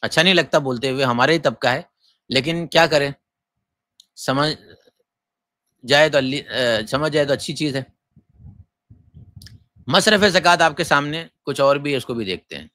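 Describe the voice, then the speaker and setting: Forceful, scolding man. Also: fairly high pitch, long pauses, no room sound, studio quality. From Gujarat, India. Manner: forceful, scolding, many rhetorical questions. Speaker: mufti teaching Islamic law. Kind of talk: lecture on religious rules.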